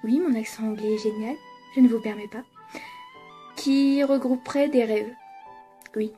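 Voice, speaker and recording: Speaking at a normal speed, a young woman vlogs casually to camera from her apartment, her voice fairly high yet mellow and relaxed. Faint music plays behind her as she laughs a lot, curses freely, and pokes fun at herself.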